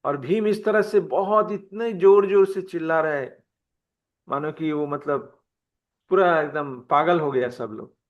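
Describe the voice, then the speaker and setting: Slow-telling male devotional storyteller. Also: fairly high pitch. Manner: plain storytelling, repeats phrases, chuckles. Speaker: devotional class speaker. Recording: dull lo-fi recording.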